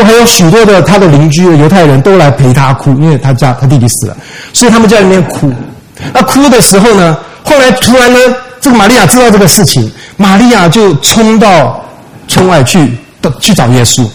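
A man preaches to his congregation in a fairly high voice. He retells the story with lively rhetorical questions and slips English words into his speech. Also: a little fast, poor audio. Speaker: pastor. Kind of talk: sermon.

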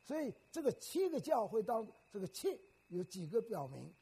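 A man's voice: high voice, very animated, moderate pace, vocal fry, warm tone, slightly rough. An older man preaching a sermon in a teacherly way, often putting questions to the congregation.

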